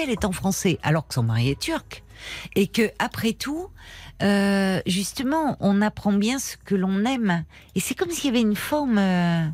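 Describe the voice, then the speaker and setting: Woman radio host, pitch jumps around a lot, dry studio sound, lots of euh and restarts. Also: darkish tone, dry recording. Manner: hesitant, many fillers and restarts. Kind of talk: live call-in radio talk.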